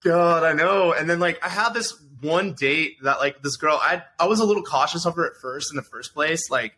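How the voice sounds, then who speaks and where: A man's voice: on the high side, normal speed, bright, forceful tone, slight background noise. A man in his thirties, a podcast guest telling stories in loose, profane, rambling casual chat full of fillers. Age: 30s.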